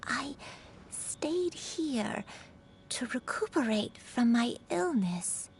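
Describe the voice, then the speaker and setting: A frail, forgetful old grandmother, put on by a woman streamer reading game dialogue. She speaks slowly with a gravelly, fry-laden voice pitched a little high. Her tone is soft and sorrowful. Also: sing-song, slight background noise, exaggerated voice. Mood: wistful. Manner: slow, sorrowful, gravelly storytelling.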